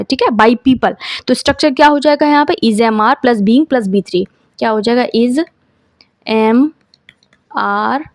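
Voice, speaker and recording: A woman teaching an exam-prep grammar lesson, who asks a question and then answers it herself and reads the test sentences out slowly. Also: on the high side, darkish tone, no room sound.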